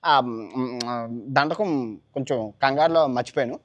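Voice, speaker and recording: A man's voice: mid-range voice, unhurried. A man retelling an epic tale in a casual, colloquial way, stepping into the characters' lines with big swings of voice. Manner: chatty, colloquial, mixes English words. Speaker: storyteller. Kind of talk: casual storytelling with acted quotes.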